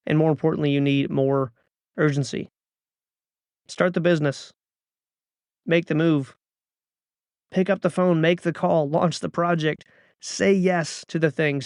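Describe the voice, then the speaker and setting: On a clean, dry studio recording, a male podcast host in his 30s speaks in a fairly high voice with vocal fry. His motivational monologue is earnest and urging, built on repetitive exhortations to act.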